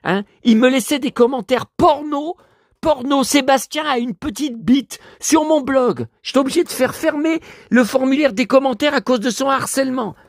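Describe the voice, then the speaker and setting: A hoarse man talking to his viewers at home, showing off his finds as a collector. He rambles, grumbles, swears often and keeps addressing the audience. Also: extremely high pitch, normal speed, no echo, studio quality. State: hoarse, voice worn out. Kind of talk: rambling vlog talk to viewers.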